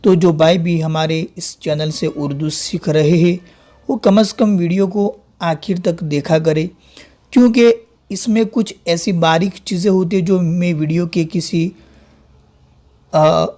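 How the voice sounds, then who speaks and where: A man hosting his channel, teaching an online Urdu reading lesson. He explains patiently, using religious greetings and phrases, and reads syllables and short drill sentences slowly and deliberately. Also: fairly high pitch, fairly even intonation, warm tone.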